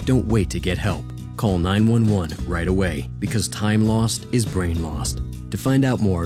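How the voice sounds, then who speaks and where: A man reading a scripted informational radio announcement in a serious, direct way. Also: lowish voice. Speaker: public service announcer.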